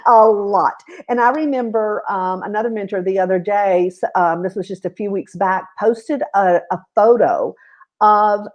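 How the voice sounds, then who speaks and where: A woman's voice: medium pitch, normal speed, darkish tone, lo-fi sound. A woman co-hosting a live coaching show, telling anecdotes with frequent ums and restarts. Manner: storytelling, hesitant with many fillers. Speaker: co-host. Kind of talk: live-streamed coaching chat.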